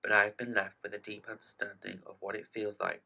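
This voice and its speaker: A man with a low, creaky voice and a very bright, forward edge narrates a scripted self-help podcast. His delivery is theatrical and soothing, dipping into hushed, breathy phrasing. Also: little pitch movement, quick pace, poor audio. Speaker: podcast host.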